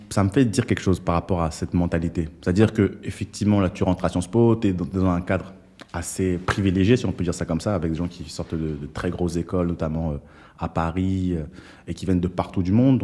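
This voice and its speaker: A man's voice: low-pitched, steady tone, fairly quick, dark tone. A young man from Togo hosting an interview, speaking casually with frequent fillers and restarts. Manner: hesitant, many fillers and restarts. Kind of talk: conversational interview.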